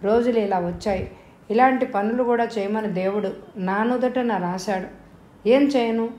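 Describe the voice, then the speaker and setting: A woman's voice: mid-range voice, normal speed, slight background noise, lightly acted. Woman doing a scornful, bitter middle-aged mother. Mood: self-pitying. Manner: sharp, scornful, wailing laments.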